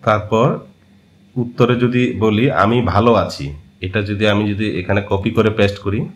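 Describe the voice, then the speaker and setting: A man with a fairly low voice, a native Marma speaker, teaches a language lesson over a shared screen. He explains patiently and pauses often to hesitate between points. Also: fairly even intonation.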